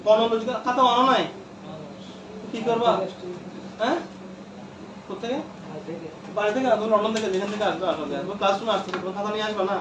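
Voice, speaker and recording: Recorded at a distance in an echoey room with background noise, a male teacher lectures a class in a high, steady voice, talking fast but pausing often. He repeats terms and tests his students with questions.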